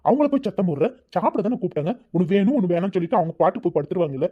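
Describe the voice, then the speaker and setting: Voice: medium pitch, big pitch swings, rapid-fire, slightly rough. A voice actor playing a protective, caring elder brother in a cartoon, coaxing and soothing. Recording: dull lo-fi recording.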